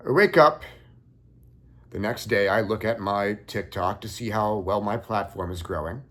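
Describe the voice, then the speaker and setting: A young man calmly recounting a dream in a measured first-person story. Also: fairly low pitch. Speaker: occult content creator.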